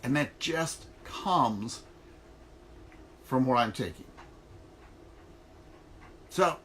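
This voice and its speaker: Bright-voiced middle-aged man vlogging from a trailer. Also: medium pitch, animated, drawn-out words. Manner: folksy, emphatic, conversational. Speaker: online network marketer. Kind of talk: casual motivational vlog monologue. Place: inside an RV trailer. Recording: noticeable background noise in a trailer.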